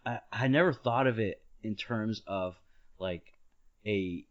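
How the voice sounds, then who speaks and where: A man's voice: lowish voice, slow. A man hosting a podcast, explaining ideas in casual chat, talking it through with frequent "like" and "right?" and laughing easily. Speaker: podcast host. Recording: dull lo-fi podcast audio.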